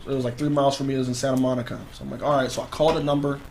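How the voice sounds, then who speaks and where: A man telling a story casually in an animated way, acting out dialogue with slang and swearing. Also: mid-range voice, racing, gravelly. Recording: noisy podcast mic with background ambience.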